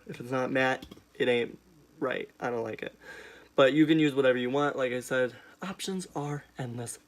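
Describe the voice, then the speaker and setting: Young adult male drag queen host, sassy and emphatic, mid-pitched, casual tutorial chat. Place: indoors, small room at home.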